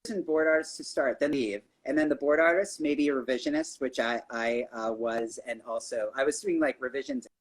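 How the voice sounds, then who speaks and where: A man's voice: medium pitch, a little fast, few pauses, rough recording. Man on a glitchy, cutting-out call. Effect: glitchy audio cutting out over a video call. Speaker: guest animation storyboard artist. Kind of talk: casual interview chat. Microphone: older phone on a video call.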